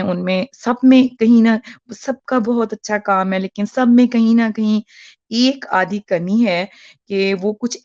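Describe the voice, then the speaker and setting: A woman's voice: mid-range voice, a little mellow, dry recording, muffled recording. A woman in her forties phoning in as a caller over a call line, speaking earnestly with frequent hesitations and restarts. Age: 40s. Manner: hesitant, with many fillers and restarts.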